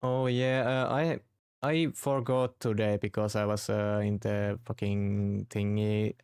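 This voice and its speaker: A man from Finland chatting casually, halting often as he searches for words. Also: fairly low pitch, level tone, darkish tone, clean tone, no echo, studio quality. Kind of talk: casual chat.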